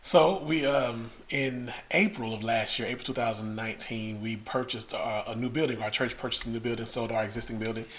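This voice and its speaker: A man, a pastor, co-hosting a casual podcast, talking in a measured, explanatory way with frequent uhs. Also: medium pitch, fairly even intonation, a bit bright. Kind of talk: casual chat.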